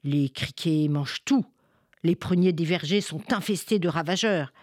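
A worried peasant farmer, as a woman narrator voices him, hurrying through his complaints in a low voice. The sound is close and dry. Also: moderate pace, darkish tone, no echo, lightly acted.

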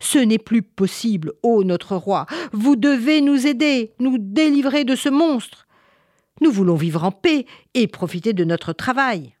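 A woman's voice: fairly low pitch, expressive, measured pace, gravelly, warm tone, breathy edge, no echo, studio quality, full character voice. A woman voicing desperate villagers pleading with their king in a children's story. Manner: imploring.

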